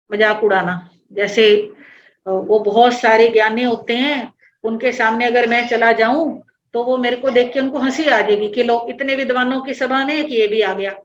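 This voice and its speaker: A woman with a higher voice teaches religion, patiently explaining the text line by line. The audio is dull, lo-fi online class sound.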